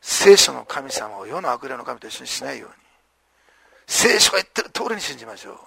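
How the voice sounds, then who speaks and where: A male pastor preaching a sermon with animated storytelling, acting out the lines of the people in the story. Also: medium pitch, fairly quick, gravelly.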